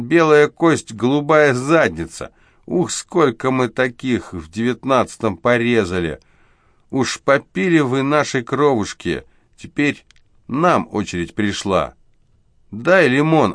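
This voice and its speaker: A man voicing a cheeky, sly homeless boy with a thin, husky voice, in an audiobook. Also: medium pitch, lively intonation, slow, a bit bright, dry recording, studio quality, voice pushed up. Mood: threatening. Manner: whines and pleads when caught.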